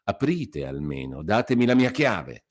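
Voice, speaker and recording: A man's voice: on the low side, expressive, unhurried, pitched above the performer's own voice. Man doing a frightened old village priest. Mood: peevish scolding. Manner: quavering, pleading, then peevish and scolding.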